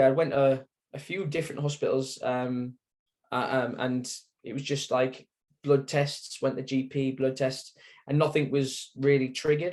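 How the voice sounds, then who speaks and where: A young man from Sunderland, England, with a Mackem accent, chats as an interview guest in a plain, medium-pitched voice that is a little mellow. He rambles through his story, circling back with lots of fillers and self-corrections.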